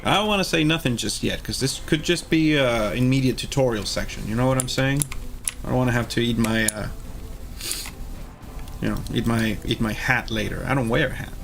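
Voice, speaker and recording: This video game playthrough host talks fairly quickly in a gravelly, medium-pitched voice with a fairly bright tone. Over the game's music, his casual commentary is playful, rambling, and full of swearing.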